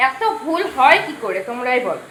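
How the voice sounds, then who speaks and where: A woman's voice: high voice, big pitch swings, fairly quick, slight background noise. Chatty young woman vlogging at home. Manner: chatty, talks straight to viewers, softly at times. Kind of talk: casual cooking vlog chat. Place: home balcony and kitchen.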